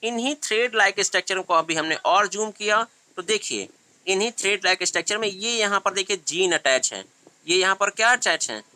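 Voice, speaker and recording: A man's voice: high voice, pushed and bright. A man teaching biology in an online lecture, mixing English terms into his explanations and asking questions he answers himself. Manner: asks questions and answers them himself, often says "thik hai"; mixes English terms into Hindi.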